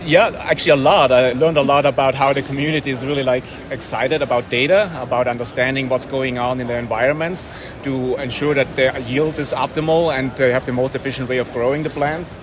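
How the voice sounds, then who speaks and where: A man's voice: medium pitch, steady tone. A man giving casual interview answers at a conference event, often rephrasing as he goes. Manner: halting, rephrasing, frequent "like". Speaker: company representative interviewee. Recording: busy crowd behind. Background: crowd.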